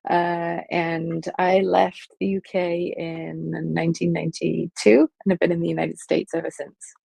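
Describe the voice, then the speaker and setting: Gravelly, husky middle-aged Liverpool woman. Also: lowish voice, little pitch movement, warm tone, no room sound. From England. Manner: thoughtful, pauses with many ums. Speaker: professor, guest. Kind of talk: conversational interview.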